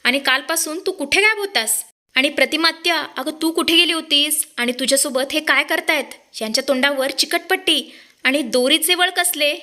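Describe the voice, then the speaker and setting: A young husband from a retold soap story, puzzled and pressing for answers, as a woman reads him. The voice stays high and bright. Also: moderate pace. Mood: shocked. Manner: questioning, urgent.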